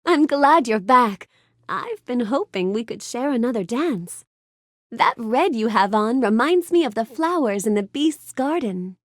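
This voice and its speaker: A woman's voice: on the high side, expressive, measured pace, no echo, studio quality. A woman voicing a gracious, bookish young storybook heroine in a video game, speaking politely and expressively with careful enunciation. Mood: affectionate. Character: Belle, gracious bookish young storybook princess, kind and eager. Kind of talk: scripted video game character lines.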